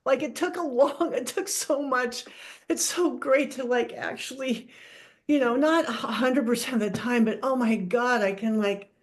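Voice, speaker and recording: A woman's voice: fairly high pitch, measured pace. Older woman, frank and outspoken. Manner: candid and frank, swears freely. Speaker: book club member. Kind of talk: casual group discussion.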